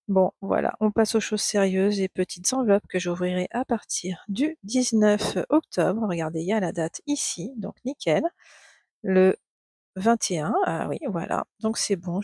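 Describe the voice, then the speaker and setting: A middle-aged woman chatting in a casual knitting vlog, gushing and excitable, repeating words and laughing often. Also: mid-range voice, breathy edge, dry recording, clean studio sound. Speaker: knitting vlogger.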